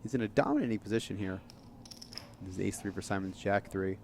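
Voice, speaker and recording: A man's voice: fairly low pitch, fast talker, creaky, a little mellow, slight background noise. A man with a New York accent giving casual, analytical live poker commentary. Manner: casual, analytical, restarts often.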